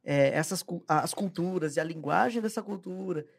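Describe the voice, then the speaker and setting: Woman host, low-ish voice, easygoing conversational delivery. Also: normal speed, vocal fry, breathy edge. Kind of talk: casual podcast chat.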